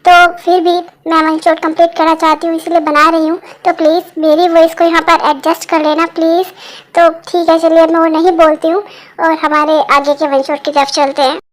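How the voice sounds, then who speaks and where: Hoarse woman creator, apologetic aside to viewers; very high, flat voice, faint music. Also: brisk. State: hoarse, sore throat. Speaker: fan dub creator. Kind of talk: casual address to viewers.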